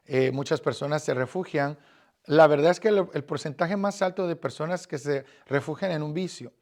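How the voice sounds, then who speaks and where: A man from Guatemala with a Guatemalan accent, giving an earnest Bible lesson on evangelism and speaking directly to the listener with frequent fillers. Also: a little high. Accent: Guatemalan Spanish. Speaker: evangelism teacher.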